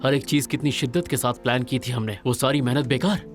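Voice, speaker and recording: An actor dubbing an idealistic, frustrated garden manager who argues pressingly. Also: male voice, medium pitch, fairly even intonation, fast talker, natural voice. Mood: pleading. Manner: pressing, argumentative. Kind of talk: Hindi movie dub. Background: background music.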